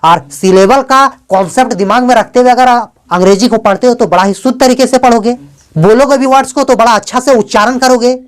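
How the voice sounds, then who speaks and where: A male English teacher giving a classroom lesson, often questioning his students, spelling letters out slowly and joking with them in a fatherly way. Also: very high voice, clean tone. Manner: calls students "beta" in a fatherly way.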